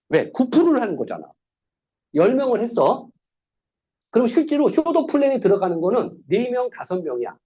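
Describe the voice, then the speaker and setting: A man's voice: high-pitched, mellow, slightly rough, muffled recording. A man giving a motivational sales lecture, firing rhetorical questions at the audience and acting out little dialogues. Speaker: sales seminar speaker.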